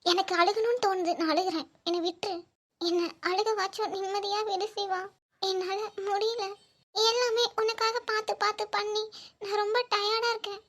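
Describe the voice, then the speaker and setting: A woman voicing a very high, heartbroken cartoon girl. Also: fairly even intonation, moderate pace, long pauses. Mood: pleading, sad. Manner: emotional, pleading. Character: heartbroken young woman in love, sensitive and proud. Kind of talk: cartoon voice acting.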